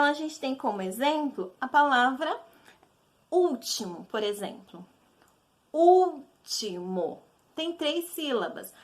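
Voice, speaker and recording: A woman teacher with a Brazilian Portuguese accent patiently walks children through a recorded lesson, checking in with them often. Her voice is high-pitched and fairly bright.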